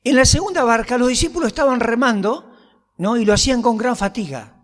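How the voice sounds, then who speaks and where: A man's voice: very high-pitched, lively intonation, fairly quick. A man with a Rioplatense Spanish accent preaching a sermon, reading scripture and telling stories with humorous asides. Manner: conversational storytelling with humorous asides. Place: church hall. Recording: long church reverb.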